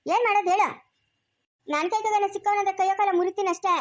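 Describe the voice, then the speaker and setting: A woman with a rural Chikkaballapur Kannada accent acting a sharp-tongued old village grandmother in a comic family skit, quarrelling and scolding in a fast, quarrelsome manner. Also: very high voice, steady tone. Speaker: skit actor.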